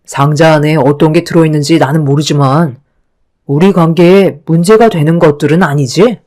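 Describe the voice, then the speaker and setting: A woman voicing a newlywed husband who gently and hesitantly questions his wife in a radio story reading. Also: deep voice, moderate pace. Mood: uneasy.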